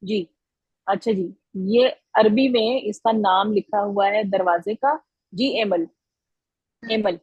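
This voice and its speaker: A woman's voice: medium pitch, takes it slowly, a little mellow, husky, no echo, dull audio. A woman teaching children in an online class, patient and encouraging, repeating each answer back to them.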